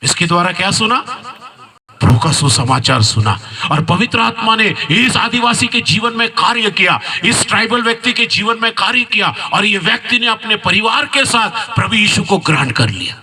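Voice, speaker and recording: A man's voice: high-pitched, expressive, normal speed, bright, forceful tone. A male preacher telling a dramatic story in a sermon, asking his listeners questions and repeating the answers.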